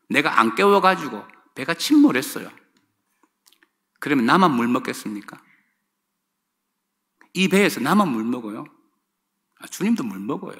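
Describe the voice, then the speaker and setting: Lively, high-pitched male pastor preaching. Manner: emphatic preaching, addressing the congregation directly. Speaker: senior pastor. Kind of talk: sermon.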